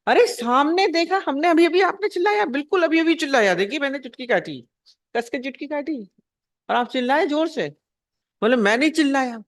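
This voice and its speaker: A woman's voice: sits high, expressive, normal speed, dry recording, studio quality. A woman spiritual teacher giving a devotional discourse. She asks rhetorical questions, repeats her points and acts out short anecdotes.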